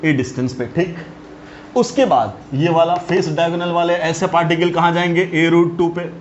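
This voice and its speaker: A male chemistry teacher with a slightly high voice lectures at normal speed, repeatedly asking his students questions and calling them "beta." The recording is dull and lo-fi, with a faint hiss.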